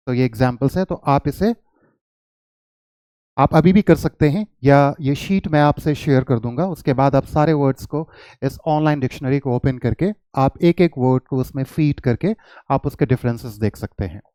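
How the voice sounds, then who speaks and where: A man teaching an English lesson who explains patiently, spells words out letter by letter and reads example sentences slowly. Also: medium pitch, mellow, clear, resonant tone, no echo.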